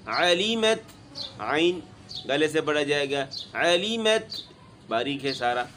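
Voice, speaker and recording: A man teaching Quran recitation. He chants each verse slowly and melodically, then explains the pronunciation of the letters quickly in a lower, plainer speaking voice. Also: animated, fairly bright tone, a little hiss or hum. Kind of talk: tajweed lesson, recitation with explanation.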